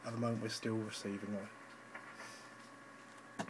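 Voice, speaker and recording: At a moderate pace and a fairly low pitch with little variation, a man hesitantly and informally demonstrates amateur radio operation live. It was recorded indoors at a radio station desk on a handheld phone, and background noise is audible.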